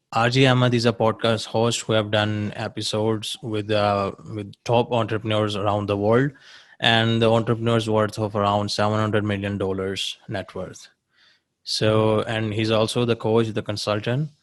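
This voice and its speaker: A man hosting a podcast interview, casual and halting, often repeating his words. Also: on the low side. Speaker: podcast host.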